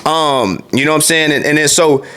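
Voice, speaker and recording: Talking fairly fast in a slightly high, pushed, bright voice, a man in his twenties who used to drive trucks recounts his life story. His monologue is relaxed and full of profanity, peppered with "you feel me."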